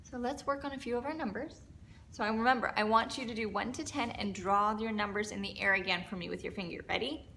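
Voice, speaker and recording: A woman's voice: mid-range voice, fairly even intonation, fast, creaky, bright, forceful tone, slight background noise. A middle-aged woman teaching preschool circle time in an encouraging, instructional kindergarten teacher voice, as if speaking to young children. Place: indoor classroom.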